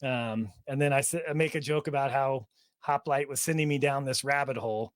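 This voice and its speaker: A man's voice: medium pitch, brisk, dry recording, clean studio sound. A man hosting a fan podcast in casual, rambling chat full of fillers, who laughs easily while showing the audience around an online community. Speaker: podcast host. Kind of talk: casual chat while touring a chat server on screen.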